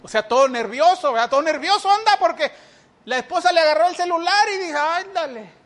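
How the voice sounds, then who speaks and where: Male preacher, very high voice, sermon delivery full of rhetorical questions and acted-out quotes. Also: quick pace, fairly bright tone. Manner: acts out quoted speakers.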